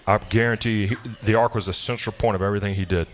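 A man preaching a sermon, animated and conversational, with asides and quick restarts. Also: on the low side, a little hiss or hum. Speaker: pastor. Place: church sanctuary.

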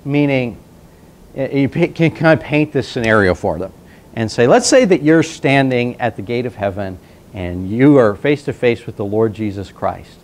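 Pastor teaching an adult church class, man, lively swinging pitch, conversational and earnest. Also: moderate pace. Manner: earnest, conversational, acts out sample dialogues with sudden pitch jumps.

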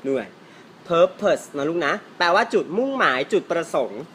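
A man teaching English pronunciation in a casual, playful way, teasing his viewers and stretching out example words slowly. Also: a little high, big pitch swings, a bit bright, a little hiss or hum.

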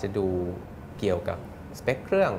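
A man in his thirties, a business guest in a studio interview, explaining at length and acting out what customers say, on a lapel mic. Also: noisy background. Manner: fast, explanatory, acts out customer quotes. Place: bright TV studio set.

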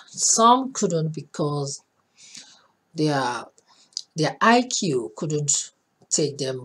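A woman's voice: low voice, husky. A woman in her thirties, an art teacher hosting her own show, speaking earnestly and encouragingly, often repeating herself. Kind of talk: casual talk to camera.

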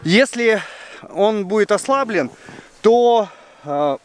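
A man's voice: high voice, lively intonation, slow pace. Chatty man vlogging in the snow. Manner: chatty, explaining hands-on. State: hot and sweaty. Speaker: snowmobile vlogger and instructor. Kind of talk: casual outdoor vlog commentary. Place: outdoors in snowy mountains. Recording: outdoor wind and engine noise.

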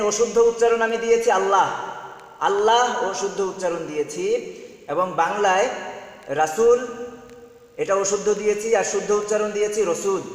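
A man giving an earnest religious lesson, explaining slowly and repeating words for emphasis. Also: sits high. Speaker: Islamic teacher. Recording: echoey room with long reverb.

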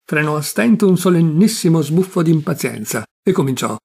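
A man narrating a classic short story in a measured, expressive reading. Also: fairly high pitch, creaky, husky. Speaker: audiobook reader. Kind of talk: literary narration.

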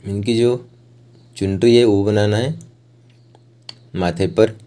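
With fairly even intonation and a lowish, very mellow voice, a young man walks viewers through an art tutorial. His plain, explanatory voice-over goes step by step, broken now and then by mid-sentence pauses as he searches for a word.

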